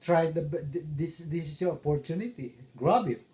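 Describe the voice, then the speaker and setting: A middle-aged man from the Philippines, answering interview questions about his life in a halting way with many fillers. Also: a little high, mellow. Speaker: interviewee, father.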